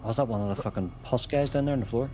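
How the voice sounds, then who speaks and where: A man's voice: mid-range voice, very fast, music in the background. A man with a Derry-Donegal Irish accent, chatting casually and swearing freely on a co-op gaming stream. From Derry, Northern Ireland. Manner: sweary, banter-filled.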